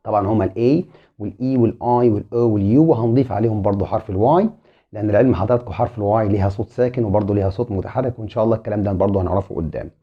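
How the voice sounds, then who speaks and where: Egyptian man, english teacher, addresses viewers politely as a group, husky voice, dull lo-fi sound. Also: lowish voice, rapid-fire. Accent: Egyptian Arabic. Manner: spells letters aloud, repeating each twice. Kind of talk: online lesson. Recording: muffled lo-fi sound.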